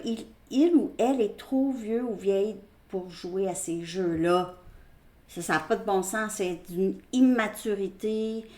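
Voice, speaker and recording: A woman's voice: medium pitch, a little mellow, roomy sound. A woman with a Québécois French accent giving a casual tarot reading. She talks to her viewers in a chatty way and repeats herself. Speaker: tarot reader.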